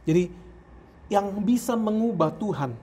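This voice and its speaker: A woman's voice: mid-range voice, lively intonation, unhurried, mellow, slightly rough. A woman pastor interviewing a guest, giving brief affirmations and echoing his words back to him.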